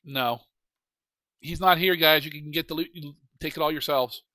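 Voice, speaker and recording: A man's voice: a little high, normal speed, pushed and bright, dry recording, clean studio sound. A man running a tabletop game as game master, talking casually and bluntly with some teasing and swearing.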